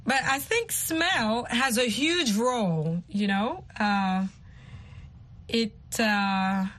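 A woman's voice: on the high side, extremely slow, fairly bright tone. A woman hosting an English lesson in a conversational teaching style, explaining with simple spoken examples. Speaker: host of an English lesson show.

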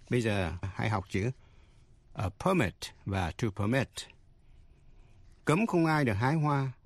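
Guy teaching english over the radio, careful slow drills, dry close sound. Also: mid-range voice, no room sound.

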